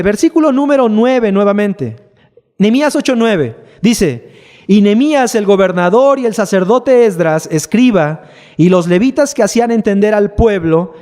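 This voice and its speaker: A man's voice: very high-pitched, a little mellow. A man preaching a sermon as pastor, talking to the congregation with rhetorical questions. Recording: long hall reverb.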